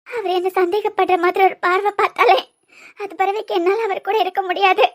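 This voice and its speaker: A very high, girlish voice of an anxious young wife in a cartoon serial, her words pleading and tearful, as a woman acts her out. She speaks with a Kanyakumari Tamil accent. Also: steady tone, brisk. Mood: worried, tearful. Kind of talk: cartoon web series voice acting.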